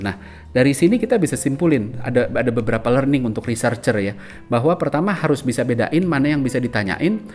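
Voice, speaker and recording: A man hosting a podcast, talking, full of fillers and restarts. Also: mid-range voice. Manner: loose, conversational, many fillers and restarts. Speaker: podcast host. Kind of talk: casual explanatory monologue.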